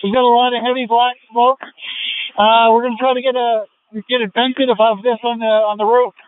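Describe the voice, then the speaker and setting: A man's voice: very high-pitched, flat delivery, a little fast. A man, a firefighter, giving urgent radio reports from a fire scene over a two-way radio. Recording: tinny noisy two-way radio, clicks.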